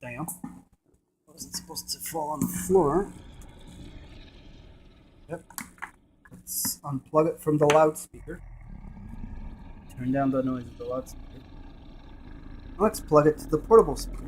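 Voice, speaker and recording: In an unhurried way with long pauses, a man with a slightly high, darkish voice gives a casual, emphatic and repetitive hands-on demonstration of a gadget. A noisy room, device static, and radio scanning static make up the background.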